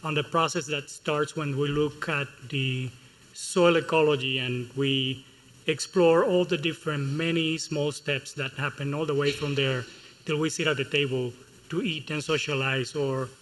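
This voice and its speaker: A man from Cuba with a Cuban Spanish accent, a chef speaking on a panel at a public event. He talks in a thoughtful, measured way, with pauses. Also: a little high, fairly even intonation, fairly bright tone, low-quality recording. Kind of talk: panel talk. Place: museum event hall.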